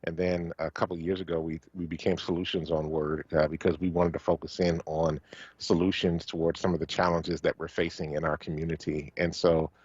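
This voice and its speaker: A man from Philadelphia co-hosting a radio talk show, speaking casually with many fillers and pauses. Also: low voice, level tone, breathy edge, dry recording, lo-fi sound. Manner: halting, many fillers, warm thanks. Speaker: radio co-host. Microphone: studio microphone.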